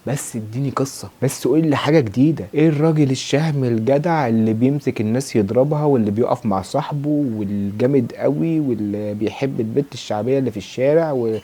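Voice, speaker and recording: A young Egyptian man rattles off a review at breakneck speed. His voice is dark and a little husky. He sounds exasperated and sarcastic throughout. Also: medium pitch, quick pace, hardly any pauses. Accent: Egyptian Arabic. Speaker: TV series reviewer. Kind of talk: fast ranting review.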